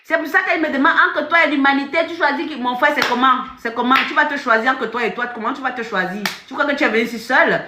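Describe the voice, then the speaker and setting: A woman's voice: high voice, quick pace, hardly any pauses, roomy sound, background noise. A woman life coach giving a live-stream motivational talk, emphatic and repeating her phrases as she speaks straight to her viewers. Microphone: phone.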